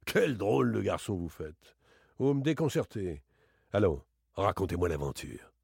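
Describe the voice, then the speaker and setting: A man's voice: sits low, lively intonation, normal speed, creaky, darkish tone, husky, no room sound, studio quality, exaggerated voice. A man voicing a blunt, exasperated veteran police inspector in a dramatic audiobook reading, raised and exclaiming.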